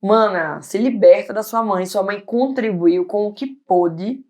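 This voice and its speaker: A woman in her thirties, a pediatrician guest on an interview show, talking loudly and animatedly in casual chat. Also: medium pitch. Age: 30s. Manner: loud, animated, talks fast and laughs easily.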